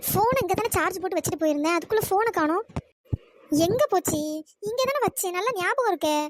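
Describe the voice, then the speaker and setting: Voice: extremely high pitch, expressive, fast talker, noisy background. A performer voicing a defiant young woman in a cartoon story who snaps back indignantly. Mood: puzzled.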